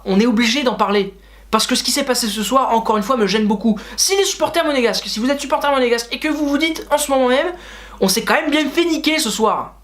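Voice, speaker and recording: A man's voice: very high voice, fairly bright tone. A man hosting a casual football reaction video, talking straight to his viewers and ranting with frustration and sarcastic asides. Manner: talks to viewers directly.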